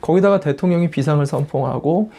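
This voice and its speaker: Warm, emphatic male pastor preaching. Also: fairly high pitch, a little fast. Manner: emphatic preaching that acts out quoted prayers and family voices. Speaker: senior pastor. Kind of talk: sermon. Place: church in the United States.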